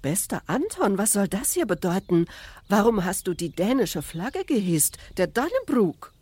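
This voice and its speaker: A woman's voice: medium pitch, sing-song, moderate pace, darkish tone, husky, no echo, voice pushed up. A woman voicing a fine, indignant lady calling out reproachfully.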